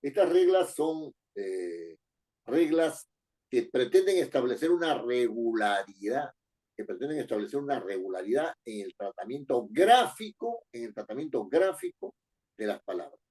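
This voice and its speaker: Male teacher, lively mellow voice, repeats points and quizzes the class. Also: mid-range voice, moderate pace. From Peru. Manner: repeats key phrases, asks the class rhetorical questions. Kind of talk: spoken lesson on writing and accent marks.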